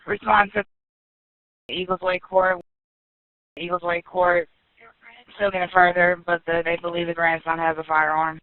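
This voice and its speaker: High flat man dispatching over walkie-talkie. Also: clear, resonant tone, no echo. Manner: clipped, brisk code-speak. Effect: heard over a police walkie-talkie radio. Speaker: police dispatcher. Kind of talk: police radio traffic. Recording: tinny, dry radio channel.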